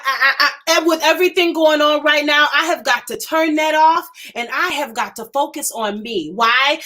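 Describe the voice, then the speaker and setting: High-pitched woman preacher hosting a live stream: fervent, emphatic, repeats lines, stumbles when fired up. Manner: excited and emphatic, repeats phrases, stammers when worked up.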